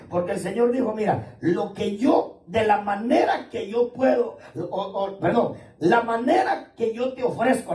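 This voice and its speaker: A man's voice: extremely high pitch, a little mellow, echoey room, far from the mic, low-quality recording. A man preaching a sermon to his congregation in a casual, talkative way, calling listeners "brother". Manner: colloquial preaching, addresses listeners as "hermano". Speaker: pastor. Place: church.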